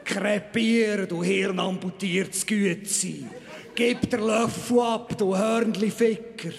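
Man doing a zealous Bernese-accented archangel, slow solemn preaching, scornful, live stage spoken word, long hall reverb. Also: lowish voice, exaggerated voice. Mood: raging. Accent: Bernese Swiss German. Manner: slow, solemn proclamations that turn into shouted insults. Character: self-important archangel, male, zealous and scornful. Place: stage in front of a live audience.

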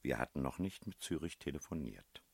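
A man reading a novel aloud in a measured, expressive storytelling manner. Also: extremely low pitch, gravelly, husky, no echo. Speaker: audiobook reader. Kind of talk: literary narration.

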